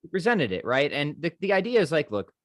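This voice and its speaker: Animated American man hosting a podcast. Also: fairly high pitch, brisk, dry recording, clean studio sound. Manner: informal, thinking aloud with check-in tags. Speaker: podcast host. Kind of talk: casual chat, interviewing.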